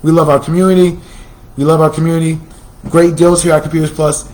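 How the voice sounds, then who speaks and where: A man's voice: a little high, little pitch movement, quick pace, a little mellow, rough recording. An American man hosting a computer store's promotional video, talking in a chatty, salesy way and often repeating himself. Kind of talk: casual promotional talk.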